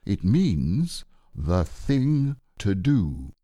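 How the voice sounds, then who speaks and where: A man's voice: lowish voice, big pitch swings, drawn-out words, mellow, no room sound, full character voice. A man voicing a self-important, long-winded storybook owl with a pompous, explanatory way of talking. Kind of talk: storybook character reading.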